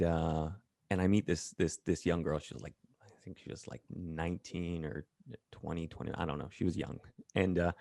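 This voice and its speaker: A man talking as an interview guest, blunt and profane, telling animated stories in a casual chat. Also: deep voice, dry recording, clean studio sound.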